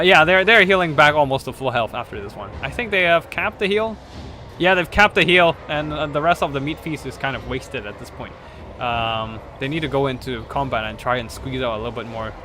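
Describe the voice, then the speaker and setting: A man casually commentating strategy game tournament replays, rambling with many fillers and restarts and swearing now and then. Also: mid-range voice. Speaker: game caster.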